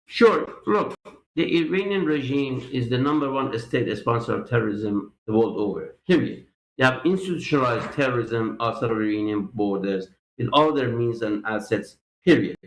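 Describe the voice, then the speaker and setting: A man's voice: mid-range voice, expressive, moderate pace. Emphatic male interview guest, roomy sound. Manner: emphatic, repeats key points. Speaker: political guest. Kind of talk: interview answers.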